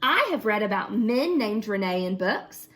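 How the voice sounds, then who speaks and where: Speaking at medium pitch and a little slowly, a woman reads a picture book aloud to a class of children. Her reading is expressive, and she then asks them questions about the book.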